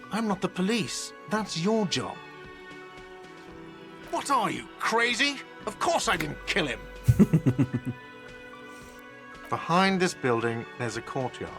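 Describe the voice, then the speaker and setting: A man voicing a whiny, defensive male cafeteria manager in a video game, talking in a snappish, exasperated way. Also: medium pitch.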